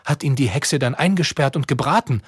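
Storybook: male reader as a curious boy, eager, husky voice. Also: medium pitch, a little fast, no echo, clean studio sound, voice pushed up, close to an everyday voice. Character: eager little boy listening to a tale.

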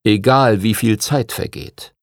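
A man reading the part of a patient older male teacher of dragon riders, speaking in a calm, measured, lecturing way. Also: fairly low pitch, no echo, clean studio sound.

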